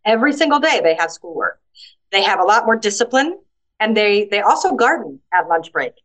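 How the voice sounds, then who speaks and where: Animated woman telling stories. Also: mid-range voice, brisk, poor audio. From United States. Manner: animated storytelling, acts out quoted voices. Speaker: guest author. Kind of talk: casual conversational interview.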